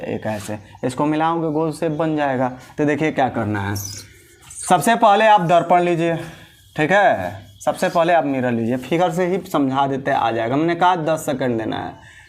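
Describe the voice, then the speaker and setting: A man's voice: a little high, normal speed. A man teaching a physics lesson, drilling a definition step by step and answering his own questions. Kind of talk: classroom lecture.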